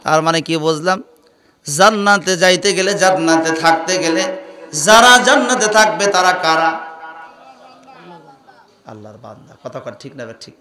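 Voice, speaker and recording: A man preaching a sermon, swinging from quiet questions to loud chanted outbursts and urging the crowd to answer louder. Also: high-pitched, expressive, measured pace, pauses often. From Bangladesh. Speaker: preacher at a religious gathering. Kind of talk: impassioned Islamic sermon with sung passages. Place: large religious gathering. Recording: echoey venue with faint music.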